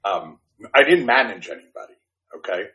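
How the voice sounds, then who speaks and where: In a rough, low-quality recording, a podcast guest in his fifties shares his life story with casual self-deprecation. Originally a Spanish speaker, he's from Brooklyn, New York. His voice is on the low side, bright and forceful, with big pitch swings at a normal speed, and his chatty delivery is full of restarts and fillers.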